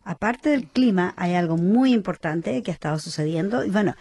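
A woman's voice: lowish voice, lively intonation, a little fast, mellow, slightly rough. A woman from Chile hosting a community radio talk show, earnest and outspoken. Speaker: radio host.

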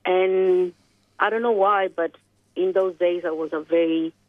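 A woman's voice: lowish voice, steady tone, a little slow, no echo. A woman from Chile with a Chilean Spanish accent, a guest in an interview, speaking reflectively and searching for her words. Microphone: telephone. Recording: dry, tinny phone line.

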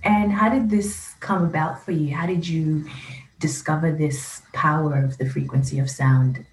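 A woman's voice: low voice, steady tone, moderate pace. A woman hosting an interview, asking reflective questions and murmuring encouragement. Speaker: podcast host. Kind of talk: conversational interview. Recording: echoey room, faint hiss.

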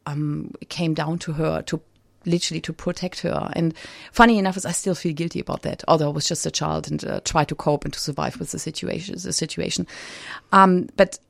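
With a deep, creaky voice and a steady tone, a German woman speaks briskly as a radio studio guest. She tells her personal story hesitantly, with many fillers and restarts, on a studio microphone that picks up no room sound.

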